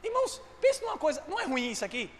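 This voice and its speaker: A man preaching a sermon, fervent and at times rising to shouts. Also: extremely high pitch, wildly swooping pitch, very fast. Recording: echoey hall with faint noise.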